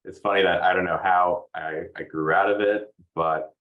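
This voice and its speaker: On a podcast, a young Oregon man answers in a relaxed interview chat, speaking at a moderate pace with a low-pitched, fairly even voice. He hesitates often and uses plenty of fillers, and the sound is phone-quality.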